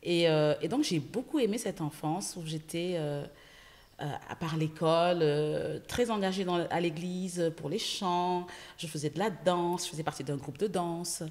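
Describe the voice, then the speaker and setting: Low-voiced woman recalling her childhood. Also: normal speed. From Senegal. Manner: lively storytelling with frequent fillers. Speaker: guest entrepreneur. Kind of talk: casual interview talk. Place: podcast studio.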